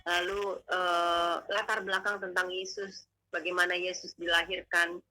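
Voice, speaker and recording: A woman telling her testimony as a guest, in animated, emotional, slangy conversational storytelling. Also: fairly low pitch, unhurried, rough recording.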